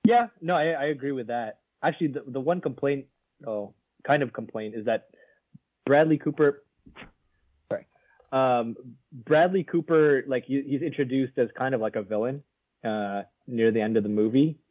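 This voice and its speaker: Talking at a moderate pace in a mid-range voice, this film review podcast co-host rambles casually, filling gaps with fillers and laughing often. The recording has no echo and sounds narrow, like a phone.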